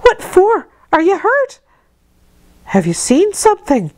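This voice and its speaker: A woman's voice: very high voice, huge pitch swings, takes it slowly, darkish tone, no echo, voice pushed up, full character voice. A woman reading an audiobook, voicing a concerned young nursemaid asking anxious questions. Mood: worried. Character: kindly young nursemaid, worried.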